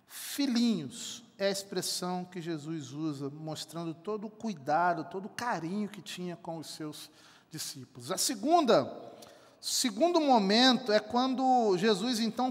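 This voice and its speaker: A middle-aged Brazilian pastor preaching a sermon with a very high voice. He tells stories emphatically and builds to fervent peaks. His voice rings with a long church reverb. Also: animated, unhurried, fairly bright tone. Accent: Brazilian Portuguese. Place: church sanctuary.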